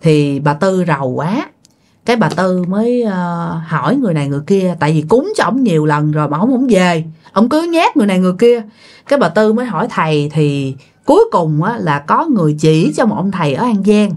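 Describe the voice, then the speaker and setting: A woman's voice: on the low side, big pitch swings, brisk, a little mellow. A woman with a Southern Vietnamese accent telling a ghost story in a chatty, casual way, talking directly to her listeners.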